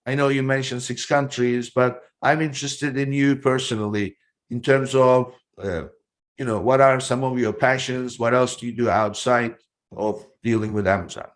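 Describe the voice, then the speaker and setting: Male podcast host, mid pitch, earnest advice-giver, repeats himself for emphasis. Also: steady tone, moderate pace. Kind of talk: interview, giving advice.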